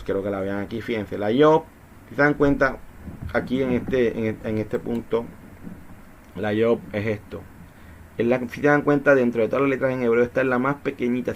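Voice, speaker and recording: A man leads a Bible study, walking listeners through each point with questions he answers himself and repeating key phrases. His mid-pitched voice comes through a dull, lo-fi recording with a faint hiss underneath. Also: vocal fry. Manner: repetitive, explanatory, asks rhetorical questions. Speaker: Bible teacher.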